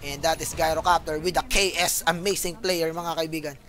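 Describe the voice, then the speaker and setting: Filipino male esports caster, high-pitched, animated play-by-play, bright edge. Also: moderate pace. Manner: animated, mixes Tagalog and English, keeps calling out to viewers. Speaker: esports commentator. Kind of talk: live esports play-by-play commentary.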